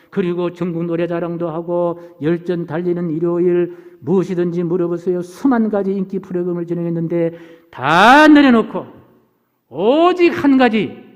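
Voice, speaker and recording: A male pastor delivers a Sunday sermon, his voice riding high in pitch. He climbs through emphatic refrains and falls to near-whispers. The church hall carries a long, lingering reverb. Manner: swells into emphatic refrains, then drops to hushed whispers. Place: church sanctuary.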